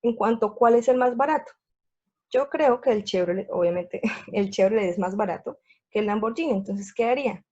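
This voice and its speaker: A woman's voice: mid-range voice, fairly quick, a little mellow. A woman teaching a grammar lesson over slides, explaining step by step in a patient way and checking in with her viewers. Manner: patient, repeats steps, checks in with "¿sí?" and "listo". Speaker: English teacher. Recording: dull lo-fi sound.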